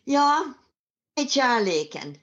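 A woman voicing a clever young daughter who answers with bright confidence. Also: high-pitched, big pitch swings, highs cut off, pitched above the performer's own voice. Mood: sure, earnest.

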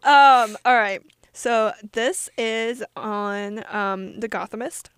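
A woman's voice: medium pitch, takes it slowly, clear, resonant tone, no echo. Giggly young woman co-host, dry sound. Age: young adult. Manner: giggly, animated storyteller. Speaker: podcast co-host. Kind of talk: casual chat.

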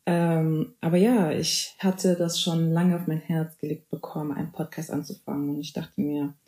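A Bavarian woman in her twenties hosts a casual solo podcast, chatty and playful, mixing English phrases into her German. She sprinkles in praise interjections like "amen" and "hallelujah." Her low, mellow voice is delivered flatly at normal speed in a reverberant space.

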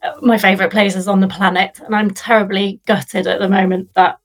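A woman's voice: mid-range voice, flat delivery, brisk, low-quality recording. A woman in her thirties, from the UK, a PR professional guesting on a podcast, chatty and self-deprecating. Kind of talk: podcast panel talk.

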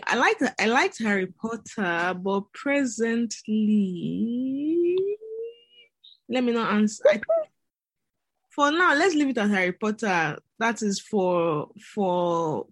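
A woman's voice: mid-range voice, animated, takes it slowly, no room sound. A woman in casual discussion, talking hesitantly as she thinks aloud. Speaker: discussion panelist. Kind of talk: casual chat.

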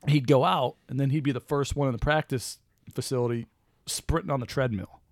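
A man's voice: medium pitch, brisk, no room sound. Laid-back man, dry close sound. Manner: laid-back, swearing storyteller. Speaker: podcast co-host. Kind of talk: casual chat.

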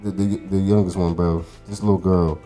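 A man's voice: sits low, level tone, moderate pace, dark tone, faint music behind. A man in his thirties co-hosting a podcast, telling a long story in a laid-back, rambling way, with plenty of fillers and curses. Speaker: podcast co-host. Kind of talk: casual storytelling chat.

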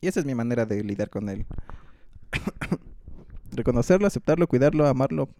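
A man's voice: mid-range voice, lively intonation, moderate pace, dark tone, a little hiss or hum. Laughing, foul-mouthed young man. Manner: profane, laughs often, acts out quoted rants. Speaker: podcast co-host. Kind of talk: casual crude comedic chat.

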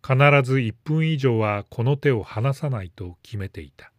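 Calm man reading a story, dry. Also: mid-range voice, normal speed, dry recording. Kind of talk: scripted narration.

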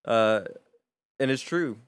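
A man co-hosting a podcast, telling stories in animated casual chat. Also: medium pitch, takes it slowly, clean tone. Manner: animated storyteller, laughs often. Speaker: podcast co-host.

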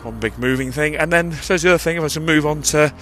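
A man's voice: fairly high pitch, quick pace, a bit bright, soft background music. A man talking through a rambling audio diary while walking by a busy road, holding a cupped handheld mic, out of breath as he goes uphill. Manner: rambling, self-correcting. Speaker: vlogger. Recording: outdoor street recording with traffic. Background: passing traffic.

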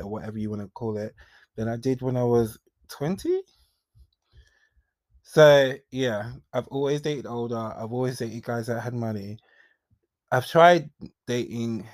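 A man's voice: mid-range voice, darkish tone, no room sound. Frank young man, dry sound. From Jamaica. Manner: frank, chatty and confiding, with asides and bursts of emphasis. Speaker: podcast host. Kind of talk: candid solo podcast monologue.

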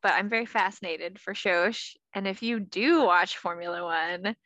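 A young woman co-hosting a podcast in casual chat, unhurried and quick to laugh. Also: medium pitch, pushed and bright, no room sound. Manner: slow, laughs often. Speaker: podcast co-host.

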